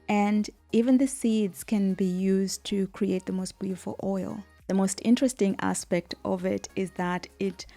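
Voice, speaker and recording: Mellow-voiced woman from Tanzania. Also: mid-range voice, creaky. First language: Swahili. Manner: warm storytelling, frequent "right?" tags. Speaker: business coach. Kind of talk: talking to camera.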